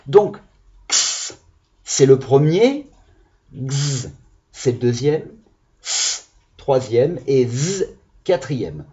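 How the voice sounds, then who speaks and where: Male primary teacher, lively pitch, slow patient delivery, dull lo-fi sound. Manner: slow, patient, spells out syllables. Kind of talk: remote lesson for young children.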